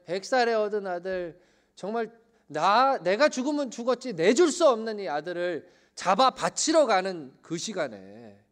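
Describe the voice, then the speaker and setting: A fairly high-voiced man delivers a sermon as pastor. His delivery surges into loud, emphatic lines, then drops into hushed, low remarks, and he keeps checking in with listeners through questions. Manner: swings between loud emphatic peaks and quiet low asides; asks the congregation questions and leads group reading.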